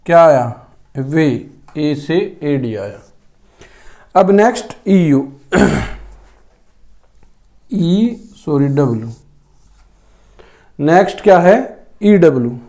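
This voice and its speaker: A man's voice: fairly high pitch, mellow. A male English teacher with a sore throat, giving a spoken lesson to students and repeating each word several times. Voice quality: clears throat often.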